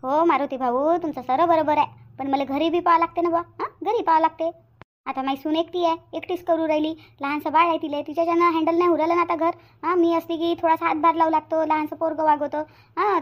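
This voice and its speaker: A chatty village auntie. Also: female voice, extremely high pitch, little pitch movement, fast talker, lo-fi sound. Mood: explaining. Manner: rustic dialect, keeps asking "hã?". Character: chatty, bossy older village woman neighbor.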